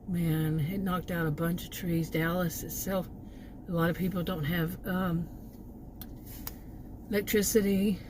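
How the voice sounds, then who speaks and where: In a noisy setting, a Texas gig worker who delivers food vlogs a casual, meandering rant. Her voice is low, her mood exasperated, and she chuckles between remarks.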